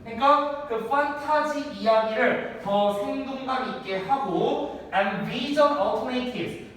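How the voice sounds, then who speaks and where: Chatty teacher in an echoey hall. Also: male voice, very high voice, fairly bright tone, distant mic. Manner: chatty, asks the class questions. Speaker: English teacher. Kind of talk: classroom lecture.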